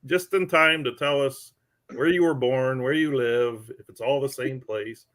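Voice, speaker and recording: Mid-pitched man as host, relaxed and questioning, laughing along with guests. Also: measured pace, no echo. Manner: easygoing, laughs often, asks questions. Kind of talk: casual interview chat.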